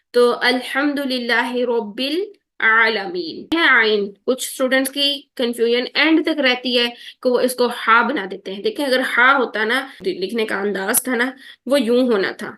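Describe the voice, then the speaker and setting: A woman teaching Quran recitation in an online lesson, patiently drawing words out slowly to demonstrate and checking in with her students often. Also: on the high side, fairly bright tone. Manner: checks in often with "theek hai?".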